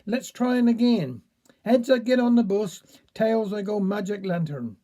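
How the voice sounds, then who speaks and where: Man doing an old cornish countryman, grumbling, slow drawl, high mellow voice. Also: close to an everyday voice.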